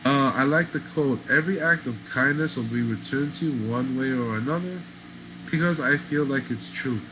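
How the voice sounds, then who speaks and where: A middle-aged man hosts his own podcast in a loose, profane street style, cussing and riffing on everyday annoyances. His voice sits at an ordinary pitch for a man. Behind him there's a steady air-conditioner hum and clear background noise. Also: moderate pace. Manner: profane, animated street talk. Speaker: podcast host. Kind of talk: casual monologue.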